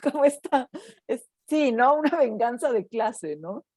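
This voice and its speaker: Lively Mexican woman telling a story, dry sound. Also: fairly high pitch, a little slow, no room sound. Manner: animated storytelling, acts out quoted voices, frequent "¿no?" tags. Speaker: university teacher and researcher, interview guest. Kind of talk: casual interview storytelling.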